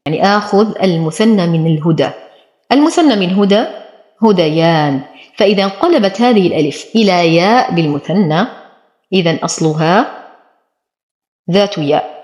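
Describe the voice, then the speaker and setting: A woman teaching Quran recitation rules, explaining each letter step by step and then saying the word slowly. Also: on the low side, expressive, darkish tone. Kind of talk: tajweed lesson. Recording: echoey room.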